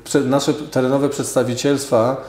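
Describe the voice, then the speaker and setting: A man in his forties, a sports official answering radio interview questions in a measured, hesitant way with many fillers, in an office studio on a lapel mic. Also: mid-range voice, flat delivery, darkish tone. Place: office studio with glass table. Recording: roomy echo.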